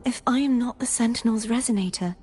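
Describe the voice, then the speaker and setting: An actress voicing a youthful holy maiden in video game dialogue, speaking softly, earnestly and formally. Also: female voice, fairly high pitch, a little fast, slight background noise, close to an everyday voice.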